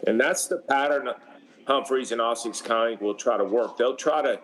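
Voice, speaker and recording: Man, color commentator, mid-pitched voice, conversational, frequent restarts, faint background noise. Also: moderate pace, a bit bright, poor audio. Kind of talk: sports commentary.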